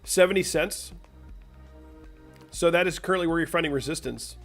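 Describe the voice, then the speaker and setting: Soft music plays behind a young American man hosting a laid-back crypto stream, where he discusses charts and answers viewer chat. His voice is fairly high and creaky, and his pace is moderate.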